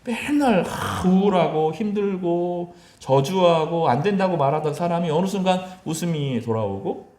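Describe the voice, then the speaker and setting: A man, a pastor, preaching a sermon in a church, acting out quotes in lively voices and dropping to soft asides. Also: normal speed, roomy sound. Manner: animated, acts out mocking voices and quotes; mixes loud rising quotes with soft low asides. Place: church sanctuary.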